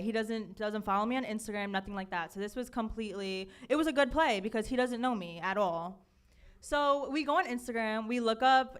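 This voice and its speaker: A young woman tells a story on a live podcast, her voice sitting a little high. She talks casually and acts out what each person said. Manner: animated storyteller acting out quotes. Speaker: podcast host. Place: podcast studio event.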